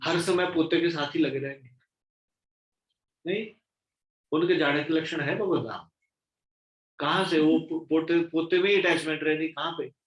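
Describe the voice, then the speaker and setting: A man preaching a scripture sermon, telling stories with gentle humor. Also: fairly high pitch, fairly even intonation, unhurried, pauses often, roomy sound, muffled recording. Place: temple hall.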